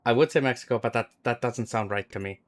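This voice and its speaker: A fast-talking man with a mid-range voice livestreams a racing game, keeping a casual chat going with viewers. He thinks out loud and says sorry as he makes guesses, with game music and engine sounds in the background.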